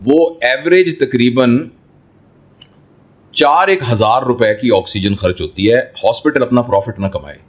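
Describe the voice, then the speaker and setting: A man who is a doctor, answering in an interview in a fatherly way, explaining through everyday examples and rhetorical questions. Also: medium pitch. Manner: fatherly, addresses listener as son.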